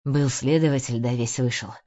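A woman voicing a weary middle-aged male ex-detective who grumbles through his teeth in a lowered voice. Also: steady tone, normal speed, mellow. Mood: gruff, weary. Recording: dull lo-fi audio.

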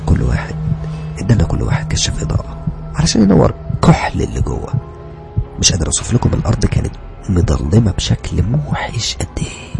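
A man with an Egyptian accent telling a horror story dramatically, moving between hushed whispers and loud, urgent lines. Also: low voice, wildly swooping pitch, fast, gravelly. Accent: Egyptian Arabic. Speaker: narrator. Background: background music.

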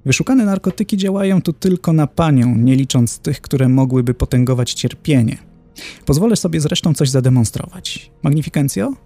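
A man's voice: on the high side, expressive, moderate pace, warm tone, soft background music, pitched above the performer's own voice. A man voicing a stern, pedantic male professor who tortures the damned in hell, lecturing with precise indignation. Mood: indignant.

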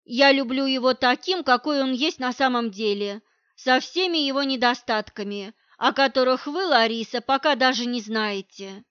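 A woman's voice: high-pitched, normal speed, a bit bright, clean tone, no room sound, lo-fi sound. A woman reading an audiobook voices a cold, scornful middle-aged wife who talks down to her rival in curt, dismissive lines. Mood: cutting.

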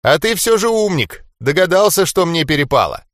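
Brash jeering bruiser, put on by a male audiobook reader, pitched up, bouncy delivery. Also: sing-song, moderate pace, dry recording, studio quality. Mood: mocking. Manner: loud, jeering, laughing taunts. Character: brash cocky swearing male fighter, mocking. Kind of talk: audiobook character voice.

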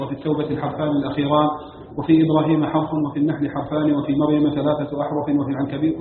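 Guy reading a text super fast, flat monotone, tinny phone-like sound with long echo. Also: on the high side, slight background noise. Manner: rattles off lists in a monotone. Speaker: student reading the text aloud. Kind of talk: rapid reading of a scholarly text. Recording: tinny, distant, reverberant lo-fi recording.

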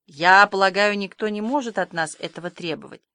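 A woman puts on a bashful older farmer from a storybook, hesitant and mumbling, his words coming out soft and halting. The sound is dry and close, with nothing around the voice. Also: medium pitch, clean tone, dry recording, lightly acted. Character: shy, gentle older male farmer.

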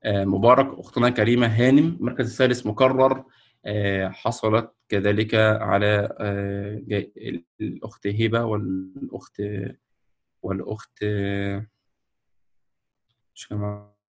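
Presenting his screen on a video call, an Egyptian host announces award winners in a lowish voice with little pitch movement. He speaks with an Egyptian Arabic accent, slowly and hesitantly, stopping to restart and filling gaps often.

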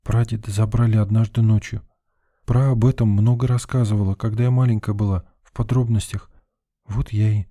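A man reading an audiobook, voicing a timid, easily frightened young woman in a soft, anxious, raised voice. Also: steady tone, a little fast, no echo, clean studio sound, natural voice. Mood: sad. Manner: soft, anxious, higher put-on voice. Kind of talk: audiobook character voice.

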